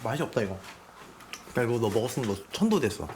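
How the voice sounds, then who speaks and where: A man hosting a comic ghost-hunting vlog indoors in a house, bantering and swearing at an unseen ghost, going from hushed to shouting. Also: medium pitch, very animated, fast, background noise. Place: indoors in a house on a home visit.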